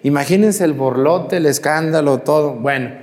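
A male priest, preaching during mass in a lively, teasing way and putting questions to the congregation. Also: a little high, normal speed, big-room sound. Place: church.

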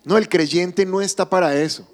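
Emphatic pastor preaching. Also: male voice, sits high, moderate pace. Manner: emphatic preaching, asks the congregation questions. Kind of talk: sermon. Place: church service.

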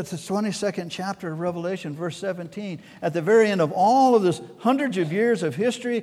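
A man preaching a sermon as pastor, swinging between soft and loud and repeating key words. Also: high voice, big-room sound.

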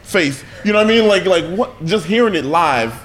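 Animated man co-hosting, slangy and casual. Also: sits high, fairly quick, a crowd in the background. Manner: slangy, informal phrasing. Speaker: podcast co-host. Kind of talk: casual chat.

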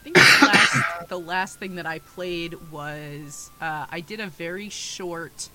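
Slow, bright-toned young woman. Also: on the low side, a little hiss or hum. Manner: laughing, chatty storytelling. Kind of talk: casual chat.

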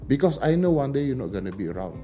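A man's voice: mid-range voice, big pitch swings, fast talker, warm tone, dull audio, soft background music. A man, a father, telling an emotional story in casual chat and acting out the dialogue with quotes in English. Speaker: podcast guest, father of a teenager. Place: podcast studio.

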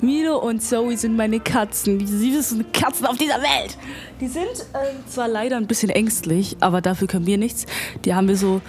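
A young woman with a fairly high voice co-hosts a podcast. She talks casually and in slang, with a little music in the background. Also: brisk, darkish tone. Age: young adult. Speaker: podcast co-host.

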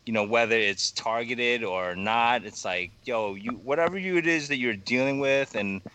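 Young male podcast guest, forceful bright tone, casual and meandering, lots of "you know". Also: mid-range voice, slight background noise. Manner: rambling, halting, heavy fillers and swearing.

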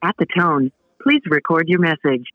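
A man's voice: a little high, normal speed, dry recording. Automated male voicemail prompt, formal and machine-like, narrow tinny phone line, dry. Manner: formal, even, machine-like instructions. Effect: automated voicemail system prompt heard over a phone.

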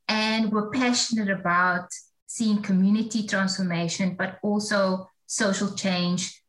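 A woman's voice: mid-range voice, rough recording. Chatty woman in her forties. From South Africa. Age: 40s. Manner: chatty, reflective, laughs at herself. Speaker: guest, theology professor. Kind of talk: casual interview storytelling.

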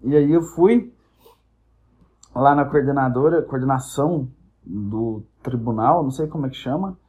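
A man's voice: mid-range voice, normal speed, a little mellow. A young man from Brazil hosting a podcast, telling a casual comic story with crude, profane humor and acting out the voices of the people in it. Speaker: podcast host.

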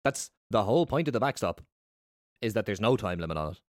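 A man's voice: fairly low pitch, expressive, a little fast, no echo, clean studio sound. A man, co-hosting a casual political chat, ranting and swearing with sarcasm. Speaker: podcast co-host.

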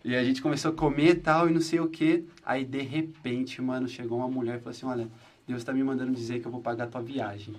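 A man's voice: mid-range voice, fast, far from the mic. A man in his twenties telling a story in a casual chat, acting out quoted voices. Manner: animated storyteller, acts out quotes. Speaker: podcast guest.

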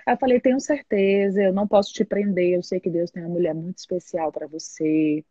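Woman telling her story, husky voice, plays out both sides of the talk, kinda muffled dry recording. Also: fairly low pitch, a little fast, no echo. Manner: lively narrator acting out both sides of the dialogue. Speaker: guest telling her testimony. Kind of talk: animated personal storytelling. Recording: slightly dull, muffled recording.

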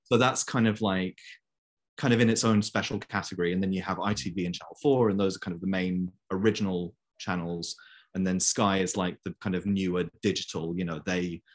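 A man's voice: sits low, steady tone, brisk. A young man raised in Belgium, chatting as an interview guest over a video call with many fillers. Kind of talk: casual conversation.

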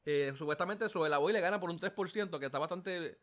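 A man's voice: on the high side, a little fast. A man with a Puerto Rican accent co-hosting a casual political chat, slangy and rambling with many restarts. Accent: Puerto Rican Spanish. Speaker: podcast co-host.

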